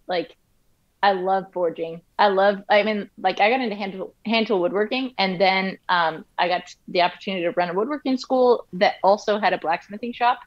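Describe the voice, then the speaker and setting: A woman in her thirties, a woodworker guest in casual interview chat, rambling with many fillers, speaking from her home wood shop. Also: lowish voice. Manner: rambling, frequent fillers and restarts. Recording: dull lo-fi livestream audio.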